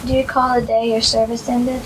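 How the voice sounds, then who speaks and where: A woman's voice: a little high, level tone, fairly quick, very noisy. A woman interviewer reading out prepared questions.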